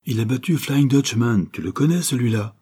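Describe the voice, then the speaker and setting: A man voicing a young man who calms a friend in a firm, conciliating way, in a storybook reading. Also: medium pitch, normal speed, husky, voice pushed up.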